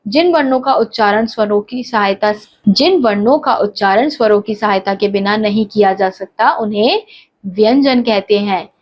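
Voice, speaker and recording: A woman's voice: medium pitch, normal speed. A woman teaching a grammar lesson, explaining step by step and asking and answering her own questions. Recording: dull lo-fi recording.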